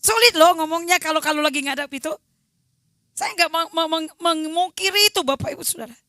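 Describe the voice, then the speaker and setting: A woman evangelist, preaching a sermon with personal testimony, dropping to hushed near-whispers and rising to loud emphatic declarations as she acts out remembered conversations. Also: very high-pitched, brisk, dry recording, clean studio sound. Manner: colloquial, acts out remembered dialogue.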